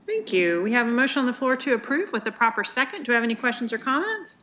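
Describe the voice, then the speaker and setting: Brisk woman chairing a council vote. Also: fairly high pitch, very animated, fairly bright tone, a little hiss or hum. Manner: brisk, friendly procedural. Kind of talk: chairing a meeting. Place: city council chamber.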